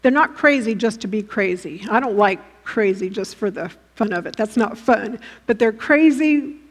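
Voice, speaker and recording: A woman's voice: mid-range voice, expressive, normal speed. A woman preaching a sermon who has listeners picture the scenes she describes and often asks them direct questions. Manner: vivid, inviting listeners to imagine scenes.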